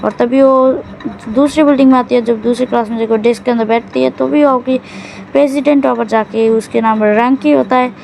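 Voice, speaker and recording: A woman's voice: on the high side, fairly even intonation, fairly quick, vocal fry, a little mellow, a little hiss or hum, poor audio. A woman casually recapping a drama's plot in a loose, rambling way, often correcting herself mid-sentence.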